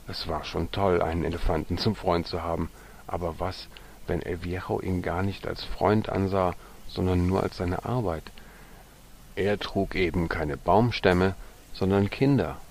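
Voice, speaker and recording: A man reading a storybook aloud with gentle narration that sometimes drops to a soft whisper. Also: low-pitched, steady tone, a little slow, a little hiss or hum.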